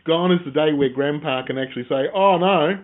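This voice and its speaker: A man co-hosting a casual business chat, telling stories in a jokey, animated way. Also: on the high side, quick pace. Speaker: podcast co-host. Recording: phone-like narrow sound.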